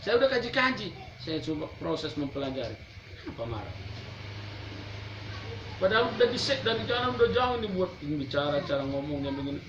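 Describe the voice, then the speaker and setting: A man gives a chatty, teasing sermon, firing rhetorical questions and answering them himself. His voice is gravelly. The recording is dull and lo-fi, with a roomy echo and steady noise behind him. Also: a little high, a little fast. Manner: chatty, teasing preaching with laughs. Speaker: Islamic preacher. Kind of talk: sermon to a congregation.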